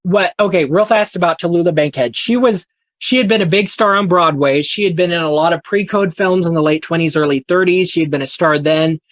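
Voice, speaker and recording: A man's voice: fairly high pitch, brisk, a bit bright, no room sound. A man hosting a podcast, casually retelling old Hollywood stories. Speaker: podcast host.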